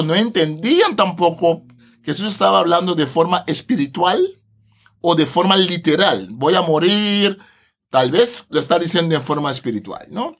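Brief: male podcast guest, high pitch, animated and laughing, walks through scripture conversationally. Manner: animated, laughs often, tags phrases with a questioning "no". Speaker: Bible translator, podcast guest.

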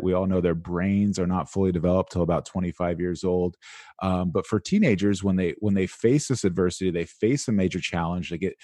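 A man speaking as a podcast guest about teenagers, in a casual, animated way. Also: sits low, no room sound. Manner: casual and animated, many "like" fillers. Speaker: guest, school resilience speaker. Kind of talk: conversational interview.

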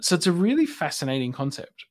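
A man co-hosting a church podcast, chatting in a relaxed, explanatory way. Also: a little high, fast. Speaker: podcast co-host. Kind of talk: casual podcast chat.

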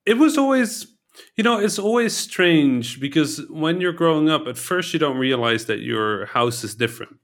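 A man's voice: a little high, lively intonation, moderate pace. A man from the Netherlands, a podcast guest, talking in a reflective way, thinking aloud and often adding tag questions. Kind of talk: casual interview chat.

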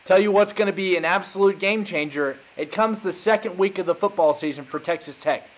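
A man's voice: high-pitched, fairly quick. A man hosting a podcast, talking college football in a hyped, emphatic casual way. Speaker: podcast host. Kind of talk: casual sports chat.

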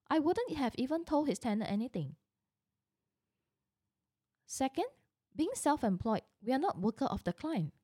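A woman's voice: a little high, dark tone, dry recording, clean studio sound. A middle-aged woman, a real estate agent, telling a personal work story in an earnest way, often restarting and correcting herself.

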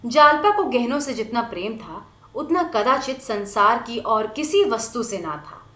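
Woman narrating a novel, expressive, high and lively voice, echoey room. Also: measured pace. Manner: expressive storytelling. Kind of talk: reading a novel aloud.

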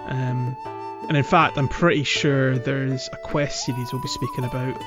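Over music, a man with a mid-range voice speaks at a moderate pace in a level tone. He co-hosts a podcast, chatting casually and hesitantly as he meanders through a game playthrough.

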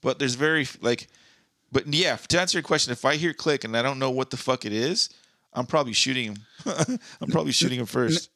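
A man's voice: mid-range voice, a little fast, bright, forceful tone, no echo. A man co-hosting a podcast in casual chat, crude and laughing often, reading news stories aloud. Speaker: podcast co-host.

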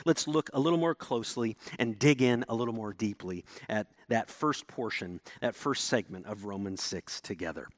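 Animated male preacher, dry close sound. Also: dry recording. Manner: animated preaching, rising to emphatic declarations then dropping low. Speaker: pastor. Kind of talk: sermon.

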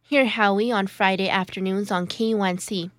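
A woman host making smooth, even, scripted radio announcements. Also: mid-range voice, normal speed, no echo, clean studio sound.

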